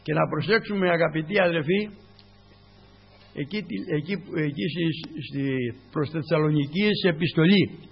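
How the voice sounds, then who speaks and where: A man's voice: fairly high pitch, vocal fry, breathy edge. A man preaching an informal sermon, fervent and repetitive, often calling on his brothers, in a lo-fi recording with hum.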